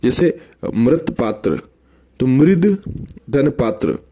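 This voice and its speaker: A man teaching a grammar lesson for exam preparation, breaking each example word into parts and repeating it slowly with tag questions. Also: mid-range voice, expressive, dark tone, slight background noise.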